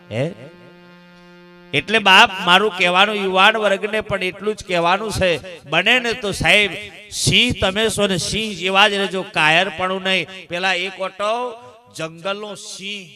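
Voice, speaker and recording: A man with a Gujarati accent preaching a folk sermon at a village religious gathering, telling stories and firing rhetorical questions at the crowd. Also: fairly high pitch. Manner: animated, addresses crowd as "saheb" and "bap", asks rhetorical questions. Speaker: bhajan satsang preacher.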